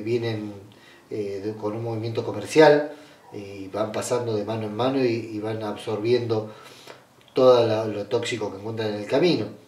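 A man with an Argentine accent guiding viewers step by step through a ritual in an unhurried, hesitant way, with many fillers and restarts. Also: medium pitch, a little mellow. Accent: Argentine Spanish. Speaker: spiritual ritual guide. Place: small indoor room at a red-draped altar table. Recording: roomy, distant camera sound.

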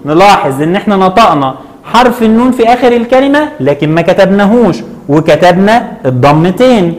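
A man with an Egyptian accent teaching a children's lesson. He patiently asks questions and answers them himself, stretching words out slowly. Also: sits high, animated. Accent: Egyptian Arabic. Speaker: primary school Arabic teacher.

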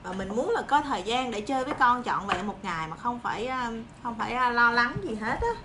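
A woman's voice: a little high, expressive, fairly quick. A woman in her thirties from Vietnam with a southern Vietnamese accent, chatting casually and reassuringly to viewers into a phone in a small room. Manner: encouraging, reassuring. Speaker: livestream host. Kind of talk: casual chat to viewers while eating and preparing fruit. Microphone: phone propped at arm's length. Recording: clear background noise, phone video.

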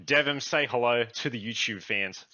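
A man's voice: mid-range voice, normal speed, sharp tone, no echo. A young man hosting a casual gaming video, talking loosely to viewers and swearing offhandedly. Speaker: YouTube host. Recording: dull lo-fi sound.

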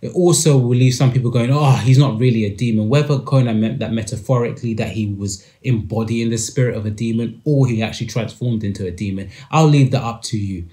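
A man's voice: medium pitch, fast, few pauses, warm tone. A man hosting a podcast, giving casual, emphatic commentary and repeating his points. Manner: emphatic and repetitive. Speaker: podcast host.

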